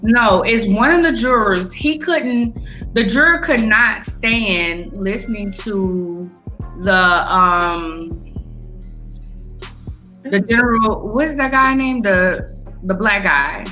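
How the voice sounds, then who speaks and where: A blunt, opinionated American woman co-hosts a podcast, casually going over the news with friends. Her mid-range voice is pushed and bright, she speaks slowly, and faint music sits behind her.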